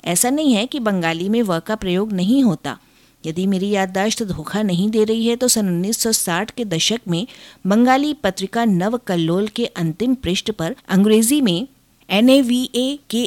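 A woman giving a formal reading of an essay in a measured, even delivery. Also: mid-range voice, no echo.

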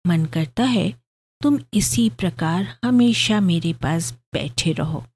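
A woman's voice: fairly low pitch, expressive, takes it slowly, a little mellow, husky, exaggerated voice. A woman voicing a playful, pampered young bride, with a pouting, teasing sing-song delivery in a storybook reading. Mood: girlish.

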